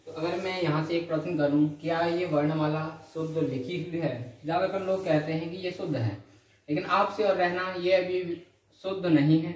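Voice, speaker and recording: Guy teaching grammar in class, high voice, asks and answers his own questions, roomy echo from far off. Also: fairly even intonation. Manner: asks questions and answers them himself, slow drawn-out letter sounds. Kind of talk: classroom lecture. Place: coaching centre classroom.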